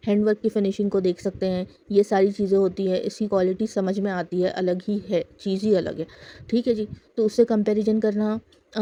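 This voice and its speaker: A woman's voice: mid-range voice, dark tone, muffled recording. A woman who runs a boutique and works as a lecturer, walking viewers through designer outfits in a chatty sales style full of fillers. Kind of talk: product showcase talk.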